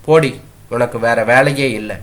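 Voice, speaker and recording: A man's voice: medium pitch, unhurried, a bit bright, close to an everyday voice. A man voicing an irritable, dismissive village mother who snaps back in a read-aloud story. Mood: irritated. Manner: snapping, dismissive.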